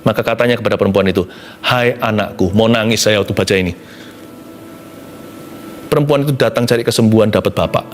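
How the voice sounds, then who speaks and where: A man preaching an animated sermon. He mixes in English phrases and swings between high excited exclamations and low soft asides. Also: fast talker, long pauses, a little hiss or hum. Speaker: pastor.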